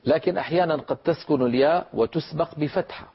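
Husky guy teaching recitation, asks the class questions, stretches out the example sounds, muffled old recording. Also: on the high side, fast talker. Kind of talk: lecture on letter pronunciation. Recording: dull lo-fi recording.

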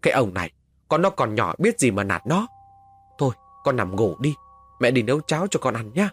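A man voicing a worried, gentle village mother who soothes and fusses over her son, in a spoken horror story. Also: mid-range voice, sing-song, a little fast, husky, soft background music. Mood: soothing. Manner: soothing, fussing.

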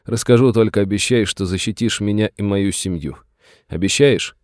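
A man's voice: on the low side, normal speed, no echo, studio quality, voice pushed up, natural voice. A man voicing a frightened aging rancher who pleads in a plaintive, agitated way. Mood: fearful, plaintive. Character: frightened aging male rancher, tearful and whining.

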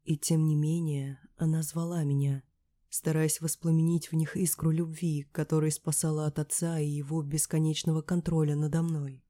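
A woman narrating a dramatic first-person audiobook with emotional delivery that moves between hushed whispers and anguished cries. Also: sits low, level tone, moderate pace, no room sound.

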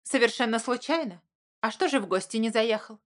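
A woman's voice: fairly high pitch, expressive, a little fast, close to an everyday voice. A woman voicing the heroine, a grown woman who speaks with biting sarcasm. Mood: sarcastic.

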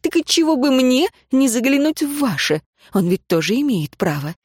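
A woman's voice: high voice, expressive, moderate pace, darkish tone, slightly rough, dry recording. Lady reading proud noble lady, clipped and guarded, dry close sound. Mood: cold.

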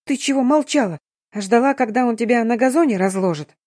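A woman's voice: fairly high pitch, animated, fairly quick, darkish tone, no echo, studio quality, voice pushed up. A woman voicing a brash, blunt young woman in an audiobook, a friend who takes charge. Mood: brusque.

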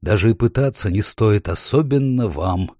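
A man voicing a gruff, kindly male beaver in an audiobook, speaking emphatically and slowing down on the weighty words. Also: lowish voice, expressive, mellow, dry recording, studio quality, voice pushed up. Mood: earnest. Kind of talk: audiobook character voice.

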